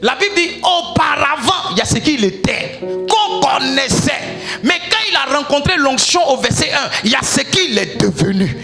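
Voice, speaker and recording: A man preaching a sermon as pastor, often shouting and breaking into sung lines. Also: very high voice, lively intonation, moderate pace, creaky, hardly any pauses, faint music behind.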